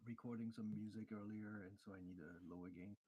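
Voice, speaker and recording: A man's voice: lowish voice, fairly even intonation, a little fast, highs cut off. Man on a mic with uneven auto gain. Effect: uneven auto gain, volume swinging quiet and loud. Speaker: co-host of a coding livestream. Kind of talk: casual chat. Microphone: computer mic with auto gain.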